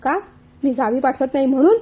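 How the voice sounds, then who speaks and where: A young husband, stubborn and mocking, as a woman narrator reads him. He teases and refuses in a high, mellow voice. Audiobook family drama. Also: fairly quick, slightly rough. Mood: stubborn teasing.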